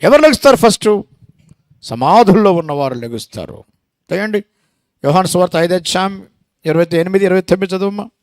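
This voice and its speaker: A man preaching a sermon, swinging between loud exclamations and hushed asides and asking the congregation rhetorical questions. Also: high voice, brisk, dry recording, studio quality.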